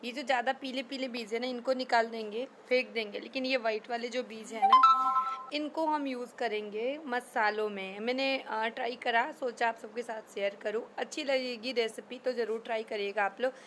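A hoarse woman, chatting casually to her viewers while cooking in her home kitchen, filming on a handheld phone. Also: a little high, steady tone, normal speed, hardly any pauses, slight background noise, rough recording. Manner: chatty, talking straight to viewers. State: hoarse, voice nearly gone. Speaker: vlogger.

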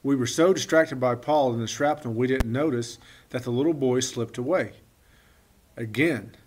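A man narrating a children's story with gentle expression. His voice sits in a middle register and has a husky, breathy grain. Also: medium pitch, moderate pace. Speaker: audiobook reader.

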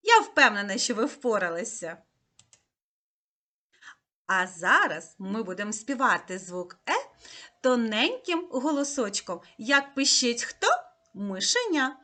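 Female preschool teacher, bright and lively, unhurried, coaxing online lesson for little ones. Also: a little high. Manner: slow, sing-song, coaxing. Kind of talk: online lesson for small children.

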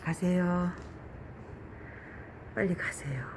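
Woman scolding a beetle outside at night, slow talker, lots of background noise on a phone mic. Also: lowish voice. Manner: exasperated, coaxing, talking to an insect. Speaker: vlogger. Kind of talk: casual vlog talk to a beetle.

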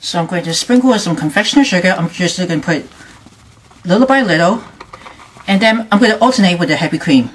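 A woman hosting a casual home cooking demonstration in her kitchen, talking in a halting, loose way with frequent restarts. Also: on the low side, expressive. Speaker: home cooking show host.

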